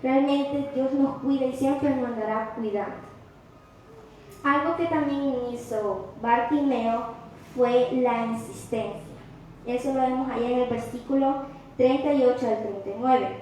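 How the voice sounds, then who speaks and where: A woman with a high voice delivers an earnest, impassioned sermon. Her voice rings through a very echoey church hall. A faint hiss of noise sits under it. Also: measured pace. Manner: impassioned preaching, rising to loud cries when quoting. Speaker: preacher.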